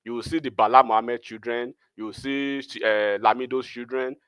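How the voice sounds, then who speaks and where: Hosting a laid-back political chat, this Yoruba-accented Nigerian man speaks at a moderate pace in a smooth, slightly bright, medium-pitched voice with fairly even intonation. He rambles at length with many fillers and restarts, and there's no echo.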